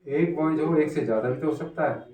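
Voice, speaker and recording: A man's voice: a little high, brisk, warm tone. A man teaching a math class, repeating points and checking that his students follow. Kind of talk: classroom lesson. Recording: echoey room, voice from far off.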